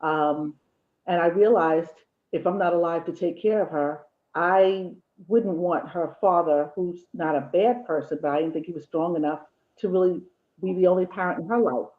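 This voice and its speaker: The host's mother, a woman in her 50s, joins as a guest for a casual chat, mixing frank jokes with thoughtful moments. Her voice is on the low side and moderately paced, and the sound comes through a thin, telephone-like line.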